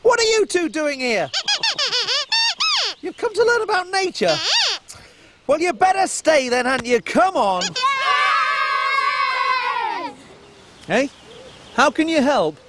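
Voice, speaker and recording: Excitable high-pitched male kids show host. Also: a little slow, pauses often, heavy background noise, exaggerated voice. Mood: exasperated lecturing. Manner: kids show host, exclaiming and mock-stern. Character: fussy, excitable man leading children's camping trip. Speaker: children's TV show presenter. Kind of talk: scripted children's comedy acting.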